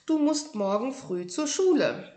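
A brisk storybook mother with a bright, raised voice sends her son off to bed, as a woman reading aloud puts her on. She sounds caring and businesslike. The voice echoes in a roomy space. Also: very animated. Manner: brisk, higher and louder.

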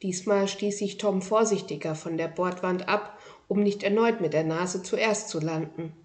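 Woman, book presenter, calm, clear, measured reading voice. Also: fairly low pitch. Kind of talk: book review and reading aloud.

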